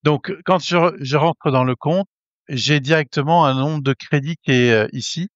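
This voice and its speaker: A man hosting a casual tutorial, hesitant with many fillers and restarts, getting excited as he talks. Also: a little high, normal speed, dry recording, highs cut off. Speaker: tech tutorial host. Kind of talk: casual screen-recorded tutorial.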